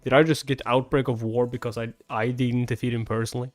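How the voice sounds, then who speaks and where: A man hosts a reaction-style live read-along of a webcomic, switching between narrating it and tossing in incredulous casual asides. His medium-pitched voice is fast and flat, with background music playing behind him.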